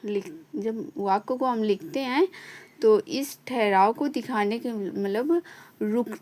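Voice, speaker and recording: Slow, patient woman teaching a lesson. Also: on the high side, darkish tone. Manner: slow, repeats points and checks in with "ठीक". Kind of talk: slow online lesson explanation.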